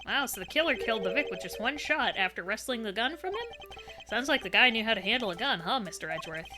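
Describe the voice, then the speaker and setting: A woman voicing a gruff, good-natured male police detective in a game playthrough, speaking casually. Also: fairly high pitch, lively intonation, quick pace, over music, lightly acted. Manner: casual, rough-edged, street-talk.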